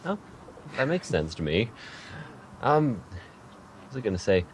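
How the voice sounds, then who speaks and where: A man with a low voice hosts a podcast interview. He talks casually and wanders a little, correcting himself as he goes. A faint hiss sits behind him. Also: big pitch swings, measured pace. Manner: rambling, self-correcting, light laughter. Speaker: podcast host.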